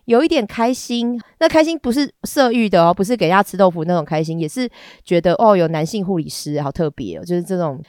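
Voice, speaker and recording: A woman chats alone on her podcast, hoarse and nasal from a cold. Her voice sits a little low and is recorded dry and close with no room sound. She talks frankly and bawdily, rambling along with little giggles. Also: expressive, fast, darkish tone, dry recording. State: hoarse and congested. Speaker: podcast host. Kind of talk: casual solo podcast chat.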